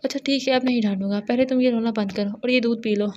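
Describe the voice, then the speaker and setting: A woman's voice: fairly high pitch, steady tone, fast, warm tone, muffled recording, lightly acted. A woman reading the part of a cold, stern man in his thirties in an audio novel, curt and scolding.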